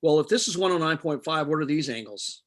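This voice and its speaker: A man's voice: on the high side, animated, quick pace. A middle-aged man teaching a chemistry class, explaining step by step with patient jokes. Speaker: chemistry instructor. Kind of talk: live online chemistry lecture.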